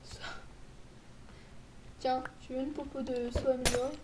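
A woman giving playful, joking commentary while playing a video game, with excitable outbursts. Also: high voice, measured pace. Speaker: gaming YouTuber. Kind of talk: casual gameplay commentary. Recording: loud background noise.

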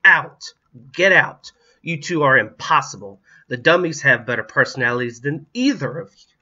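A man voicing an impatient mother who scolds her twins in an audiobook reading, sharp and loud. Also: medium pitch, very animated, moderate pace, dull audio, pitched above the performer's own voice, heavily acted. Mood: scolding.

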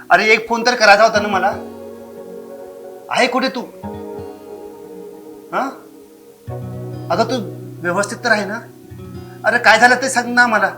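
A man's voice: high voice, sharp tone. An actor playing a worried middle-aged father who speaks in an earnest, pleading way. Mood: anxious. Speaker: father of the bride. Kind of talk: web series acting. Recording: guitar music underneath.

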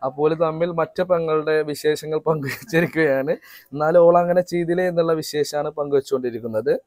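A man's voice: fairly high pitch, fast talker, darkish tone, no echo. A man doing casual vlog narration outdoors behind a house, chatty and talking straight to viewers with teasing asides. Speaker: family vlogger cooking.

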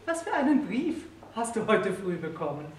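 A woman's voice: mid-range voice, sing-song, moderate pace, a little mellow, close to an everyday voice. A woman voicing a mischievous wife who teases her husband in a lilting, playful way. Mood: teasing. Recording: roomy distant reading with faint hiss.

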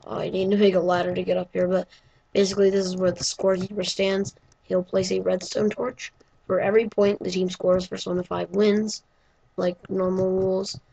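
A woman with a hoarse voice, giving a casual, rambling walkthrough of her game build with lots of hesitant fillers. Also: mid-range voice, mellow, low-quality recording. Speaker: gaming video creator.

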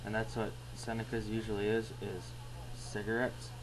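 A man's voice: fairly low pitch, flat delivery, moderate pace, background noise. A man reviewing a can of dip in a blunt, crude, rambling way, talking with a toothpick in his mouth. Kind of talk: casual product review.

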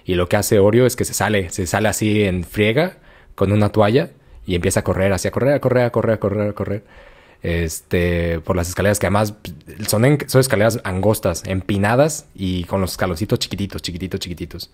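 Man, Mexican accent, fairly low voice, slangy storytelling, casual podcast host. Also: brisk. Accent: Mexican Spanish. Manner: slangy, animated retelling with acted quotes.

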